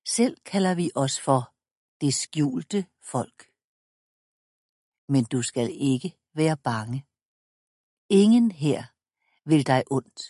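Soft, reassuring kindly woman from a storybook, low and husky, voiced by a female reader. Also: expressive, pauses often, dry recording, clean studio sound. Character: gentle kind woman of a hidden folk.

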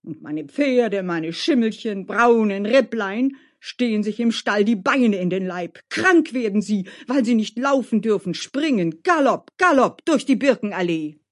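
Narrator playing a big loud coachman guy, brags and shouts, storybook, slow. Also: lively intonation, lightly acted. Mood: indignant. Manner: loud and boastful, rising high in outbursts. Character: boisterous, hot-headed male coachman who sings loudly. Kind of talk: storybook reading.

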